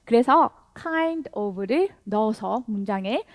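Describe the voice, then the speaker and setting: A woman teaching English in a video lesson, lively and encouraging, asking her viewers questions and laughing often. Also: a little high, slow, no room sound.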